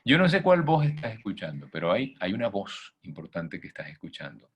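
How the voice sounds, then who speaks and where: Male motivational coach, husky low voice, animated delivery, emphatic rhetorical questions. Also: a little fast, lo-fi sound. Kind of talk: motivational talk with faith content.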